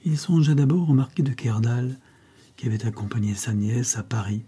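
A man's voice: mid-range voice, moderate pace, breathy edge. A man narrating a novel as an audiobook, telling it steadily and voicing the characters. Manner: steady storytelling with voiced characters.

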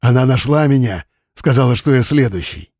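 A man voicing a grown village simpleton with a slow, singsong, childlike way of talking in an audiobook. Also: mid-range voice, a little mellow, no room sound, clean studio sound, close to an everyday voice. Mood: eerie.

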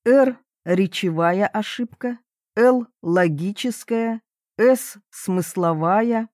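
A woman's voice: medium pitch, takes it slowly, dry recording, studio quality. Woman reading an audiobook with wry liveliness. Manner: wry, lively first-person storytelling. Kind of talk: audiobook narration.

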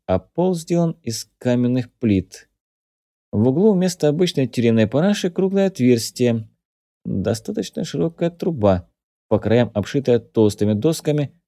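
A male audiobook narrator reading an adventure novel in a steady, measured voice. His tone is dark and mellow, and the recording is dry and close with no room sound. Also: mid-range voice, dry recording. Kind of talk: scripted narration.

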